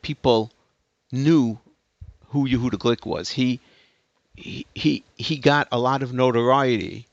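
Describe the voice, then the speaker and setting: A man's voice: medium pitch, creaky, no room sound, muffled recording. A man giving a lecture to an audience, telling a story emphatically with hesitant restarts. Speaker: speaker giving a talk.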